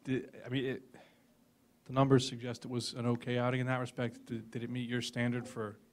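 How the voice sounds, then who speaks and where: A man's voice: mid-range voice, little pitch movement, fairly quick, slight background noise. A man asking a coach questions at a press conference. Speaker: reporter.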